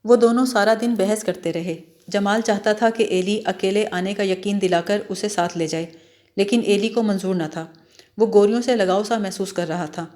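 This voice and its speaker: A woman narrating a literary novel in a calm, measured audiobook reading. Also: mid-range voice.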